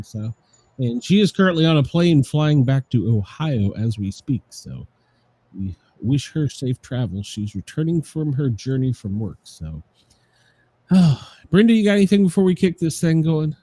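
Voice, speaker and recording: A man's voice: mid-range voice, sing-song, normal speed, warm tone, husky, no room sound. A man hosting a live show in a casual, rambling chat style.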